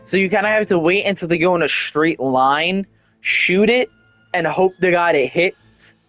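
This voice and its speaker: A man's voice: sits high, moderate pace, fairly bright tone, no echo, soft background music. A young man casually commenting while playing a flight game, rambling and chatty with frequent restarts. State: hiccups. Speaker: gameplay streamer.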